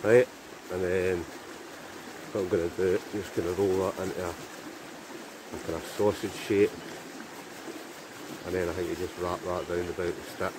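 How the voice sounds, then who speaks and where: A Scottish man in his forties chats to camera while cooking by a river at camp, thinking out loud for his outdoor vlog. He has a low-pitched, fairly even voice at a moderate pace with long pauses, and river noise fills the background.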